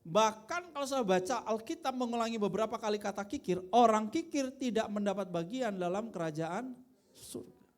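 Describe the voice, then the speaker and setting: During a church worship service, an Indonesian pastor delivers a sermon in a chatty, conversational style, sinking into quiet asides before rising into loud, emphatic bursts. His voice sits high and animated, moving at normal speed.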